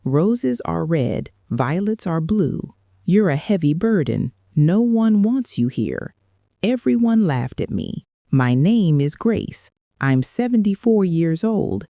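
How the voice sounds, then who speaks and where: A woman's voice: lowish voice, mellow, no room sound, studio quality. A woman narrating a dramatic first-person life story in an emotional storytelling manner.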